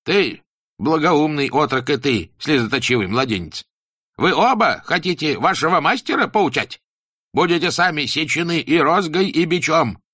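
A stern, pompous schoolmaster from an old storybook, as a male narrator puts him on, pitched well above a plain voice and declaiming loudly. He lectures in slow, swinging rhymes with a bright, cutting tone. The sound is close and dry. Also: lively intonation, slightly rough, dry recording, full character voice. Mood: scolding. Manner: rhyming sing-song preaching, slow and emphatic.

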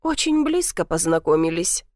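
A woman voicing an indignant, sharp-tongued young city woman who snaps back. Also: fairly low pitch, big pitch swings, normal speed, dry recording, clean studio sound, pitched below the performer's own voice. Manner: indignant, snappy.

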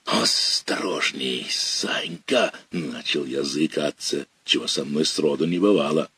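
A man reading a story aloud in dramatic narration, with lively storytelling and sudden loud outbursts. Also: extremely low pitch, moderate pace, slightly rough, dry recording. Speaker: audiobook reader. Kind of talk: expressive literary narration.

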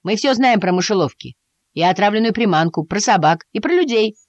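A woman voicing a chorus of cheeky, restless young mice in a storybook reading, loud and brash. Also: mid-range voice, expressive, fairly quick, no room sound, muffled recording, voice pushed up, lightly acted.

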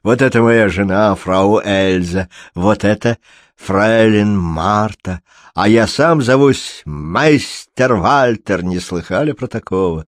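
A boisterous, good-humored traveling showman, as a man reading the story puts him on. He is loud and jokey, with a slightly raised, hearty voice. The reading is recorded close and dry. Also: lowish voice, takes it slowly, dry recording. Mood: hospitable. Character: jovial hearty male traveling showman, rhyming.

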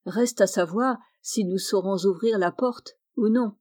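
A spirited teenage girl full of grand dreams, read aloud by a woman, eager and ambitious. Her voice sits warm and mellow at a middle pitch. A storybook reading. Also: measured pace, lightly acted.

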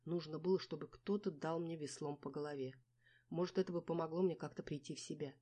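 Brief: woman audiobook narrator, somewhat low, warm tone, wry first-person reading. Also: fast talker.

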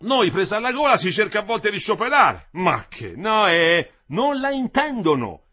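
A man's voice: high voice, sing-song, moderate pace, bright, forceful tone, breathy edge, voice pushed up, exaggerated voice. A man voicing an indignant old bricklayer. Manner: grumbling, indignant, questioning. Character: old grumbling Florentine bricklayer, moderate socialist.

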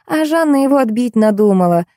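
A woman playing a brisk, gossipy props woman, sharp-tongued and pitched up, in an audiobook. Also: animated, no room sound, studio quality, natural voice. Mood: gossiping. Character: brash gossipy female theatre props woman.

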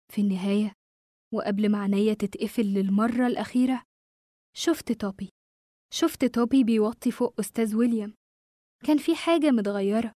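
A woman with an Egyptian Arabic accent narrating a horror story in a steady, suspenseful tone. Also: fairly high pitch, dry recording, clean studio sound.

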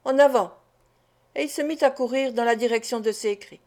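A woman reading an adventure story aloud in a measured, expressive way. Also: on the high side. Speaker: audiobook reader. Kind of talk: scripted narration.

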